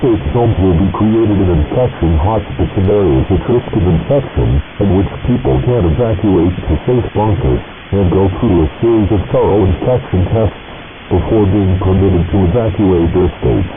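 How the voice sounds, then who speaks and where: Deep-voiced male announcer for an emergency broadcast cutting in over programming, tinny, hissy signal. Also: normal speed, long pauses. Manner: formal, even, official reading. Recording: tinny noisy broadcast audio.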